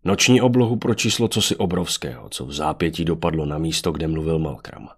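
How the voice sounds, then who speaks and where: A man narrating a fantasy audiobook with an even storytelling manner. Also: a bass voice, slightly rough.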